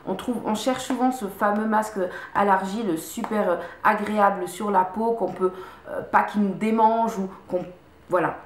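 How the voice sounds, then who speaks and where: This woman beauty vlogger has a mid-range voice, fairly even intonation and a moderate pace as she casually reviews favorite products at home. She repeats words and restarts often in her chatty delivery. The room echoes, with a little hiss or hum in the background.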